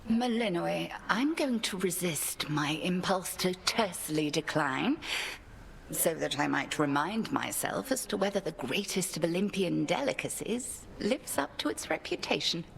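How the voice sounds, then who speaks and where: A stern, ancient witch goddess in a video game, cool and formal as a strict mentor. Her voice sits low with a heavy gravelly rasp, and she speaks in a measured, reserved way. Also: lively intonation, slight background noise.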